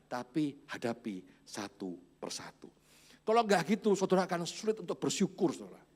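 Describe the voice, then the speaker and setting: A man in his forties preaching a church sermon, storytelling with chuckles and quiet asides. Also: on the high side, sing-song, normal speed, slightly rough. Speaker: pastor.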